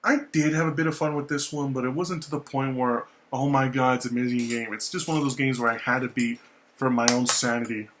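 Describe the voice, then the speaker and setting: A man's voice: medium pitch, fairly quick, slight background noise. Casual young man rambling on camera. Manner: relaxed, rambling, repeats himself, swears casually. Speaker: YouTuber showing his game collection. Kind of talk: casual vlog talk.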